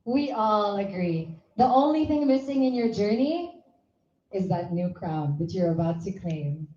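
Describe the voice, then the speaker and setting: A woman's voice: medium pitch, expressive, a little slow, mellow. A woman, a former beauty queen, gives an effusive, emotional tribute speech at an event and slips in Tagalog phrases. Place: event venue. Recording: echoey hall, slightly dull sound.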